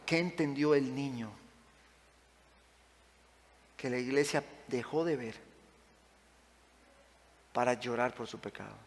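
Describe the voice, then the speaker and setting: A man preaching a sermon as pastor, passionate, rising to loud emphatic peaks and sinking to quiet pleading. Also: mid-range voice, slow pace, pauses often. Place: church sanctuary. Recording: long church-hall reverb.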